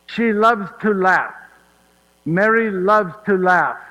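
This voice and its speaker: A man with a high, sharp, exaggerated voice speaks slowly while playing a warm old Joseph of Nazareth, a fond and chatty storyteller. His one-man stage monologue is folksy and full of laughter, and he often asks "yes?" The recording carries hall reverb.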